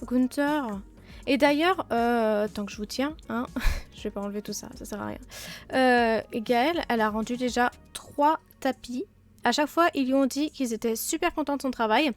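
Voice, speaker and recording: A woman's voice: on the high side, moderate pace, soft background music. A woman hosting a game let's play, talking casually and self-mockingly with many fillers, sick with a blocked nose and sore throat.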